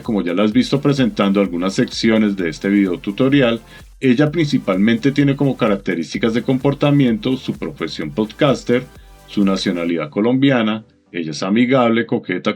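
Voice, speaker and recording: A man narrating a software tutorial in a calm, methodical, instructive voice-over. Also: lowish voice.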